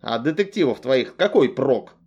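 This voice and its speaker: A man's voice: medium pitch, lively intonation, normal speed, vocal fry, darkish tone, breathy edge, dull audio. A man reading an audiobook, voicing a fussy, sarcastic young woman who scolds her friend. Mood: snippy. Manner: snippy, scolding. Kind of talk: audiobook character voice.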